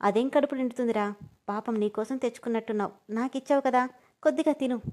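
A chatty young woman in a spoken storybook, teasing and lively, her voice sitting fairly high and often jumping higher still. A woman narrator puts her on with little change from her own reading voice. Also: quick pace, close to an everyday voice. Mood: playful.

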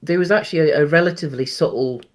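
Racing along in a fairly high voice, this thirty-something co-host chats about films over a headset on a video call from home. His talk rambles, full of fillers and false starts.

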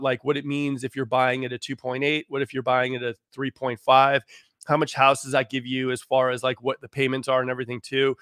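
A hoarse man, a real estate agent, talking casually on a live stream in a rambling way full of fillers. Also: mid-range voice, fairly bright tone, no room sound, clean studio sound. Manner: rambling, full of "you know" and "like".

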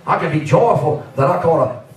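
A high-pitched male preacher delivers a fervent, brisk Pentecostal sermon at and around the pulpit of a church sanctuary, his lively intonation emphatic and punctuated with amens. He speaks into a handheld microphone, but the recording is made from far off in a very echoey church hall.

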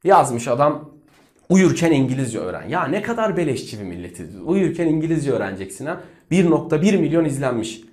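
A man teaching English with jokes and mocking asides, lively and teasing. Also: on the high side, fairly quick. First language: Turkish. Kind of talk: comedic lesson rant.

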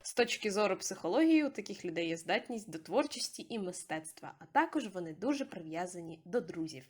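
A young woman talking casually over her drawing process, chatty and self-deprecating, her pitch jumping up now and then. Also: expressive, fairly quick, husky. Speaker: artist vlogger.

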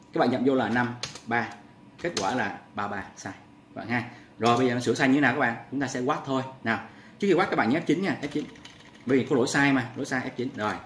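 A man's voice: mid-range voice, fairly bright tone. A male programming teacher walks through a coding tutorial one step at a time, repeating each key press and addressing his viewers again and again. He is recorded in an echoey room with a faint hum of background noise. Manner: talks step by step, repeats key presses, often adds "các bạn ha".

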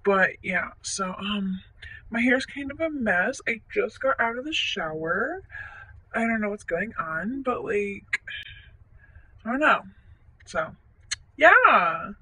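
A woman's voice: mid-range voice, big pitch swings, slow, pauses often, sharp tone, slight background noise, low-quality recording. A woman playing a scatterbrained mom in a comedic vlog sketch, rambling and breaking into melodramatic outbursts. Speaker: parody mom vlogger.

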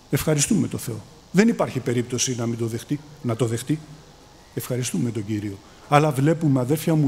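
A man preaching a sermon, often calling his listeners brothers and swinging his voice up and down for emphasis. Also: medium pitch. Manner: calls listeners brothers, voice rising and falling in emphasis.

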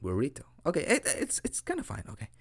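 An audio roleplay creator, a young native Spanish speaker from Mexico with a Mexican accent, plays a boyfriend teaching Spanish. His medium-pitched voice swoops wildly with vocal fry at a quick pace, and his improvised delivery is giggly, dorky, hesitant and self-deprecating.

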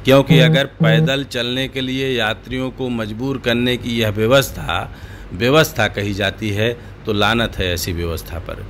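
A man's voice: medium pitch, a little slow, fairly bright tone. Sarcastic man over background noise. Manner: sarcastic, indignant. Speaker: news commentator. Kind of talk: critical news commentary voice-over.

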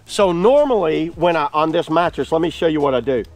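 A man's voice: on the high side, expressive, a little fast. A man filming his own hands-on gear demo outdoors on grass, chatty and enthusiastic, full of "like" fillers. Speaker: product reviewer. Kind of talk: casual hands-on product demo.

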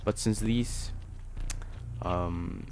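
A man's voice: lowish voice, drawn-out words, noisy background. A young man giving casual, self-mocking let's play commentary, swearing now and then at the game. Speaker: gaming channel host. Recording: game music loud behind the voice. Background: game music.

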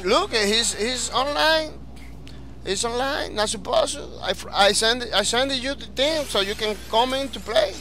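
Over music, a Dominican game streamer with a Spanish accent reads viewer comments and chats energetically during a live stream, frequently restarting what he says. His voice is very high-pitched, though his pace is unhurried.

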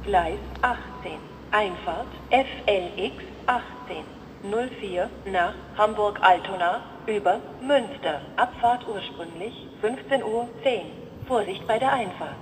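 A woman's automated-sounding voice giving a flat, scripted railway platform announcement in measured, segmented phrases. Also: medium pitch, long reverb tail, slight background noise, poor audio.

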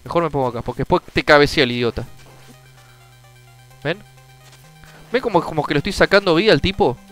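A young man with a Rioplatense Spanish accent giving casual commentary on a retro game, frustrated, swearing often and bursting into shouts. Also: on the high side, lively intonation, brisk, faint music behind, low-quality recording. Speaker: gameplay streamer.

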